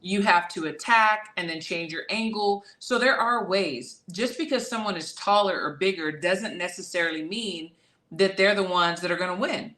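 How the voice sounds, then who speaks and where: A woman's voice: lowish voice, moderate pace, sharp tone, echoey room. A woman who trains boxers, analyzing a matchup in casual chat and driving her points home by repeating them. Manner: emphatic, repeats key phrases. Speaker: boxing trainer and guest analyst.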